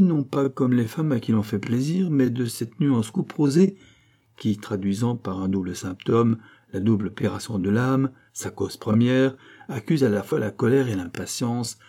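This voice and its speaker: Man, audiobook narrator, dark mellow tone, husky, measured phrasing. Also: medium pitch. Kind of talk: scripted narration of a classic novel.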